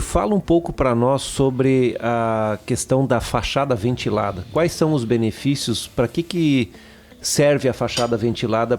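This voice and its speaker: A man's voice: mid-range voice, a little mellow. A man co-hosting a podcast who reacts with upbeat praise and puts questions to the guest. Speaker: co-host. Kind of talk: casual podcast talk.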